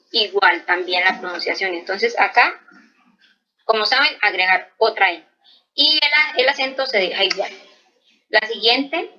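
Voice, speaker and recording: A woman's voice: mid-range voice, bright, forceful tone, rough recording. A woman teaching French grammar to Spanish speakers, explaining patiently and checking in often. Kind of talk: slow explanatory language lesson.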